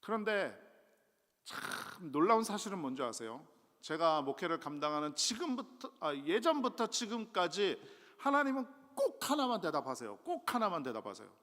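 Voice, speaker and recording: A middle-aged male guest pastor preaching a sermon in a conversational, self-deprecating way, with sudden loud rises. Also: high voice, big pitch swings, normal speed. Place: church sanctuary. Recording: long church hall reverb.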